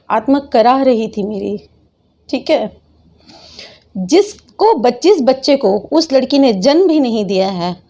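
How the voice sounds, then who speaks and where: A woman's voice: a little high, warm tone, highs cut off. A woman vlogger in her thirties, talking in an emotional, devotional monologue that keeps repeating itself. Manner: repetitive, impassioned, devotional.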